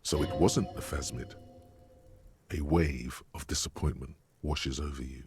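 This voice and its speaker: A man's voice: steady tone, measured pace, a little mellow, no echo, exaggerated voice. A man voicing the solemn narrator of a detective's inner thoughts in a video game. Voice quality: gravelly, breathy and deep.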